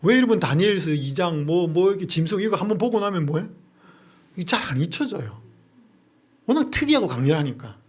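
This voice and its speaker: A male pastor giving a Bible-study lecture, drilling listeners with quick questions and then answering them himself. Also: high-pitched, big pitch swings, darkish tone, husky. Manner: asks and answers his own rhetorical questions.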